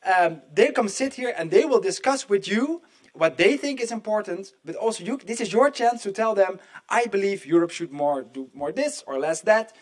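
A middle-aged man hosting a live conference event, his voice sitting high. He keeps it casual and jokey and talks straight to the people in the room. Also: animated, normal speed. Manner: chatty, jokey, addresses the audience directly. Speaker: event moderator. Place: conference hall.

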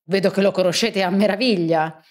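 A woman's voice: medium pitch, fairly quick, close to an everyday voice. Woman reader as impatient eccentric professor, audiobook, eager exclamations.

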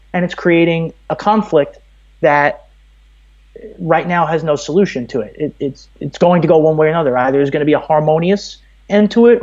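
In a lo-fi recording, this thirties-aged American guest from Brooklyn gives his opinions in a rambling, emphatic and earnest way during a podcast interview. His voice is a little high with a darkish tone.

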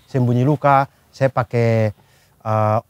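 A man's voice: medium pitch, slow, smooth. A man telling a childhood story in casual chat with friends, acting out the scene as he goes. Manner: animated storyteller, acts out scenes with gestures.

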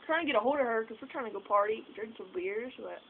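A young woman vlogs casually outdoors at night beside a house porch, her voice on the high side, animated and quick. She rambles with plenty of fillers and the occasional swear. A phone camera set far away catches her in tinny, noisy audio.

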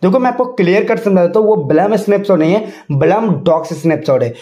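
Man, high-pitched, mellow tone, chatty explainer, insistent, addresses viewers directly. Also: expressive, fast, highs cut off. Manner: chatty, repeats filler phrases, mixes in English words. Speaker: crypto YouTuber. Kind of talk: casual screen-walkthrough explainer.

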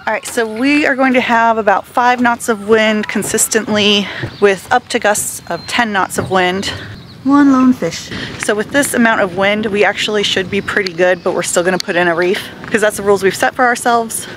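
A woman in her thirties, learning to sail, narrates a casual vlog from a small sailboat on open water, holding her phone camera at arm's length. Her mid-range voice moves at a moderate pace, and she's chatty and candid about her nerves. Music plays in the background and the recording is rough.

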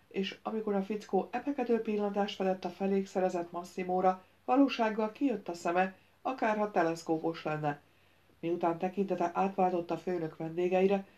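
A woman reads an audiobook in steady, scripted narration. Her voice is a little low. The recording sounds slightly dull and muffled.

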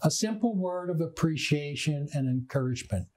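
A man preaching a sermon as a pastor, earnest and unhurried, drawing out key words for emphasis. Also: on the high side, animated, a little mellow.

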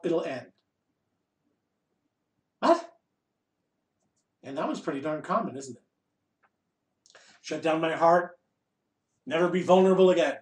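High-pitched man giving an echoey spiritual talk. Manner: wry and playful, asks and answers rhetorical questions. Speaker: spiritual teacher leading a group satsang. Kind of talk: informal spiritual discourse to a group. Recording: echoey room, voice distant from mic.

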